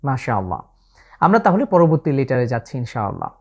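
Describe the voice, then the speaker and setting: A woman with a Bangladeshi Bengali accent teaches how to pronounce Arabic letters for the Quran, slowly and patiently stretching each letter as she demonstrates. Her voice is very deep with big pitch swings, and the high frequencies are cut off.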